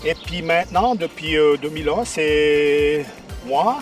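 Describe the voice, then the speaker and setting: A man's voice: on the high side, measured pace, recorded from a distance, faint music behind. A middle-aged man with a Fribourg Swiss French accent, explaining his butcher's products in an interview, hesitant and repeating words. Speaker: artisan butcher, guest.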